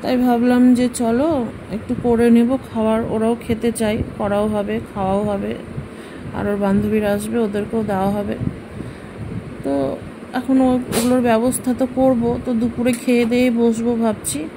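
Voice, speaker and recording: A middle-aged woman rambles on to her viewers about her day's chores in a homely, chatty way. Household noise is clearly heard behind her. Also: on the high side, level tone, normal speed. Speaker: vlogger. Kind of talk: casual household vlog chat. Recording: noisy home recording.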